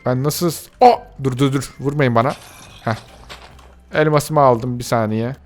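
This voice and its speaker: A man giving excited let's-play commentary, gasping and exclaiming as he talks to his viewers and himself. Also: medium pitch, a little slow, faint music behind. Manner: excitable, gasps and shouts at surprises. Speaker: gaming youtuber.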